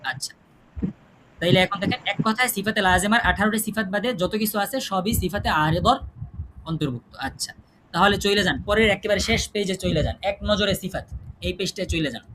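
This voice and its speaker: A man's voice: sits high, brisk, pushed and bright. A male tajweed teacher, leading an online class, repeating terms for drilling and asking his students rhetorical questions. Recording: noisy online class audio.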